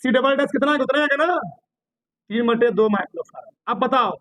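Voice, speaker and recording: In a brisk classroom physics lesson, a man with a very high voice works through problems on the board, peppering his students with repeated questions and light scolding. The recording is dry and close, with no room echo.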